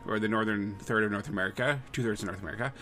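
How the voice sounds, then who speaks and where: A man's voice: fairly low pitch, racing, bright, forceful tone. A man hosting a casual podcast chat, playful and a bit rambling. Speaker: podcast host.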